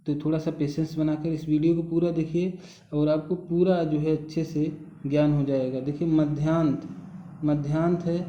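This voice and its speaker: Patient man teaching, muffled and roomy. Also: on the high side. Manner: patient, repeats words slowly and often says "thik hai". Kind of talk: spelling lesson.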